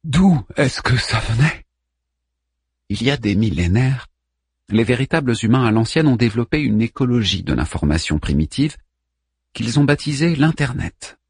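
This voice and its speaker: Husky guy reading a sci-fi audiobook, lively delivery, dry close sound. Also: medium pitch, normal speed, no echo. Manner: expressive, varied delivery. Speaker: audiobook narrator. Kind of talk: scripted narration.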